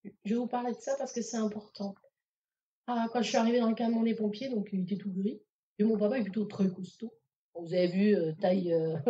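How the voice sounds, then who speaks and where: A woman giving a public talk as a medium, telling a personal story in a chatty, animated way with many fillers and acted-out dialogue. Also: mid-range voice, slight background noise. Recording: dull lo-fi audio recording.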